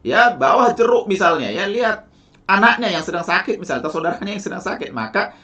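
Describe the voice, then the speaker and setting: A man's voice: high-pitched, fast talker. A man teaching follow-up sales technique in a motivational lecture, often tagging his sentences with "ya" and acting out sample dialogue. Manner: animated, tags sentences with "ya" and "teman-teman"; acts out sample sales dialogue in lively voices. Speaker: sales and network-marketing trainer.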